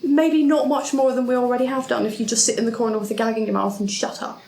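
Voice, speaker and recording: A woman plays a tabletop game and chats in a playful, casual way. Her voice sits a little high. The room echoes and has faint noise. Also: steady tone, fast talker, a little mellow. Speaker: player in a tabletop role-playing game. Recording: roomy echo, faint background noise.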